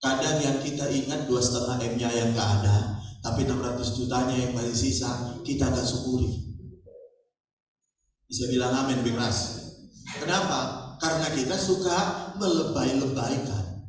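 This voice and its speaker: A man's voice: medium pitch, moderate pace, long pauses, soft background music. A man, preaching a sermon as pastor and acting out worried churchgoers. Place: church hall. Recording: echoey hall, voice from far off.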